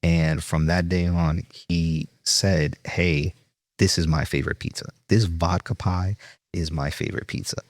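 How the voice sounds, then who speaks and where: A man's voice: sits low, steady tone, unhurried, no room sound, clean studio sound. A man with a New York accent, a chef being interviewed, telling his story earnestly with fillers and restarts. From Brooklyn. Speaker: chef, guest.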